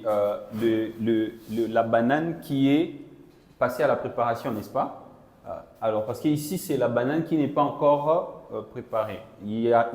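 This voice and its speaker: Interpreting a Chinese lesson into French, a man with a medium-pitched, darkish voice explains things patiently to the class. He checks understanding with "non?" and "voilà," and the classroom echoes with long reverb.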